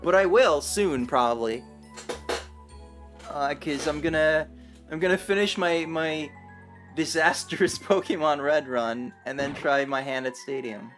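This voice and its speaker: A man's voice: on the high side, unhurried, fairly bright tone. A man chatting casually and rambling about games while streaming, often self-deprecating. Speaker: game streamer. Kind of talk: casual gaming chat. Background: game music.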